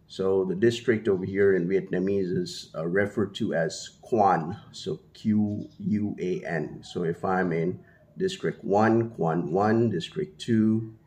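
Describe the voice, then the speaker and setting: A man in his thirties from India, a native Hindi speaker, vlogs casually to camera from a small room at home, rambling with lots of fillers and restarts. His voice is deep, steady, slow and somewhat dark. He gestures with one hand while holding a small handheld mic right at his mouth.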